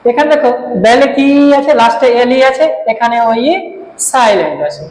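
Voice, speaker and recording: A teacher giving a lesson in a slow, patient classroom manner, spelling out words letter by letter and repeating them. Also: mid-range voice, big pitch swings. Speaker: English teacher. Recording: echoey room with faint noise.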